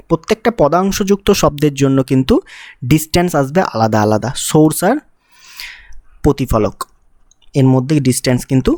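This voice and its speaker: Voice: mid-range voice, darkish tone, no echo, clean studio sound. Physics teacher explaining step by step. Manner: explains step by step, asking rhetorical questions to the student; mixes English technical terms into the talk. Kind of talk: exam-prep physics lesson.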